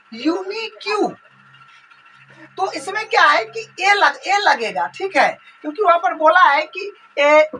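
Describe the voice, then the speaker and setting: Slow bright-voiced woman teacher. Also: high-pitched, recorded from a distance, a little hiss or hum, poor audio. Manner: slow, repetitive explaining. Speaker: English grammar teacher. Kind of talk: grammar lesson explanation.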